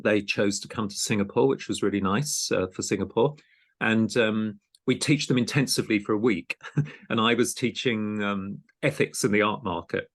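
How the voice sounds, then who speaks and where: Hesitant low-voiced man hosting a podcast. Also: normal speed. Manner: hesitant, many ums and restarts. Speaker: podcast host and programme director. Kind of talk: conversational interview.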